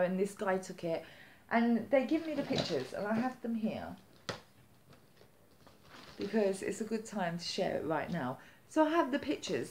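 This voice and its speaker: A woman vlogger telling a story in casual chat, animated and chatty, acting out the quotes with lively jumps in her voice. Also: medium pitch. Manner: chatty with many "like" fillers.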